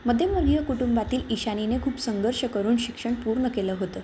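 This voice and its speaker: A woman narrating a scripted story in a calm, measured way. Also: a little high, slight background noise.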